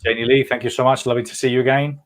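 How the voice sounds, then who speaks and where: A man's voice: mid-range voice, level tone, racing. A man hosting an online event, effusively thanking guests and calling them darling. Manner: warm, effusive thanks, calls people darling. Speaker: host. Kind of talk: online panel chat.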